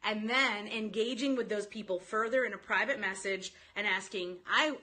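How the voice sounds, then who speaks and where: A sales coach with a bright, mid-range voice hosts a live online training, coaching informally on a live stream and chatting with commenters. She's animated and casual, speaks directly to her listeners, and quotes sample phrases.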